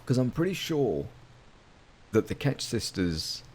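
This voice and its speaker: A man's voice: mid-range voice, very animated, a little slow, darkish tone, breathy edge. A man commentating casually while playing a video game, thinking aloud and rambling. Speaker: gamer playing through a game. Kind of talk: casual let's-play commentary. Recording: game music faint underneath.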